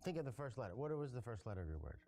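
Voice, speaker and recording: A man's voice: mid-range voice, very animated, rapid-fire, dark tone, faint music behind. A man who does magic and comedy, chatting as a guest in an easygoing way, often thinking aloud. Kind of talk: casual chat.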